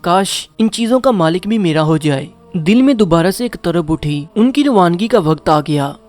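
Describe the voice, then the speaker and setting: A man narrating a moral story in a measured storytelling voice. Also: high-pitched, expressive, darkish tone. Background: faint music.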